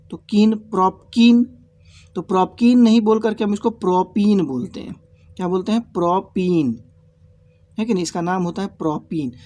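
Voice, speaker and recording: A man teaching a lesson in a mellow, darker voice. He goes step by step and repeats each key point. He keeps checking that his students follow with short tag questions. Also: sits high. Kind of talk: classroom lesson.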